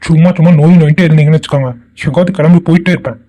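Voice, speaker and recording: A man's voice: on the high side, steady tone, very fast, warm tone, close to an everyday voice. A man voicing a lazy young college student, whiny and petulant.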